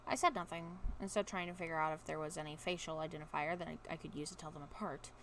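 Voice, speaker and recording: A woman's voice: low voice, fairly even intonation, quick pace, a bit bright, slight background noise. A woman vlogger reads a first-person story aloud with expression and breaks off now and then for casual asides. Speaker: vlogger reading a book aloud.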